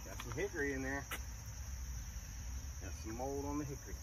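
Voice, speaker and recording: A man's voice: medium pitch, brisk. A man narrating outdoor chores in a casual, rambling way, talking out of the side of his mouth. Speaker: vlogger. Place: outdoor woodyard under pines. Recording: distant mic, noisy outdoor ambience.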